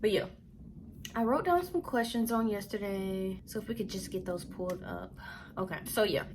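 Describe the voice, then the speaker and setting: A woman's voice: mid-range voice, moderate pace, a little hiss or hum. A young adult woman and former teacher, talking candidly and rambling a little as she chats to her viewers in a casual vlog. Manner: candid, rambling, talks to viewers while doing makeup.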